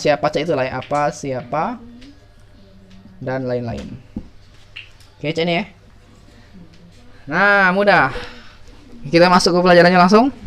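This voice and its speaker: A male teacher speaks in a high voice during a home class review lesson. His delivery is playful and lively, and he keeps calling on students by name and questioning them. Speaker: English teacher.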